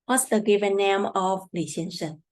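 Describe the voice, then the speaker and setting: A woman teaching a Chinese lesson in English, patiently repeating words slowly for learners, with Mandarin as her first language. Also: mid-range voice. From Taiwan. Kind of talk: slow language lesson explanation.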